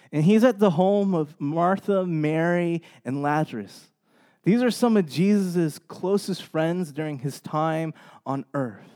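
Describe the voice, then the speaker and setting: A man with a notably high voice delivers a casual sermon to his congregation. He talks in an easy, chatty way and keeps pausing to ask "right?" as he goes. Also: dark tone. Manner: conversational, often checks in with "right?". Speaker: pastor.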